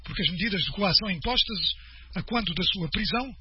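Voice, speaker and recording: A man presenting the radio news in a steady, formal read. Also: high voice, fast, breathy edge. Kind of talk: scripted radio news reading. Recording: muffled radio broadcast with faint noise.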